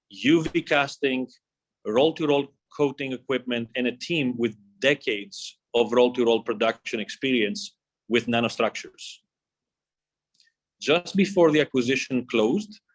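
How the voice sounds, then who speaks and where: In the role of a company executive, a medium-pitched man delivers a scripted corporate presentation. His reading is formal and measured, and he presents his points in short phrases.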